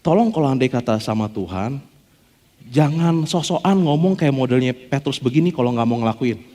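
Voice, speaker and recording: A man's voice: medium pitch, brisk. A man preaching a casual, joking sermon as a pastor, acting out quotes as he goes. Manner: animated, jokey, acts out quotes. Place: church hall. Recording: long hall reverb.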